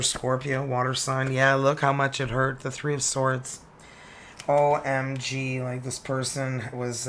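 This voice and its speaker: Slight background noise sits behind a medium-pitched, slightly bright voice. It belongs to a tarot reader from northern Ontario, Canada, a native French speaker with a Franco-Ontarian French-Canadian accent, who chats casually and laughs through cheeky asides while reading cards.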